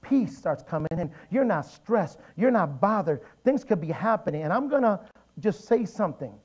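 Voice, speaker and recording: High-voiced man preaching a sermon. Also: moderate pace, breathy edge. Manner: animated storytelling, emphatic repetition. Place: church sanctuary.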